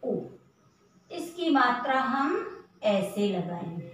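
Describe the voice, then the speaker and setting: A woman teaching young children a patient lesson, asking questions and sounding out each letter slowly. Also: fairly high pitch, sing-song, fairly bright tone, far from the mic, slight background noise. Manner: patient, asks questions and answers them herself. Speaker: primary school teacher. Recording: very echoey room, voice from off-mic.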